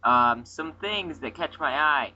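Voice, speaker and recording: Bright-voiced excitable male podcast host. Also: a little high. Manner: excitable, quick to interrupt and correct. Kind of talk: casual chat about toy sets. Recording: dull lo-fi podcast recording.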